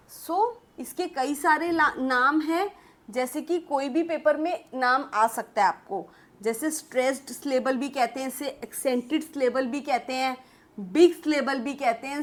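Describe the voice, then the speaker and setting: A young woman teaching English literature in a patient classroom-style lecture, slowly reading English definitions and explaining them. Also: sits high. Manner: explains patiently, calls students "beta", slow English read-outs.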